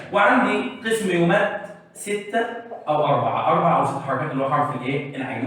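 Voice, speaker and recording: Egyptian man, tajweed teacher, higher voice, chants examples between explanations; heavy room echo, distant mic. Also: a bit bright. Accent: Egyptian Arabic. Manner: chants Quran letters in a drawn-out melodic recitation between explanations; checks in often with quick questions to the student. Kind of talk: tajweed lesson for exam students.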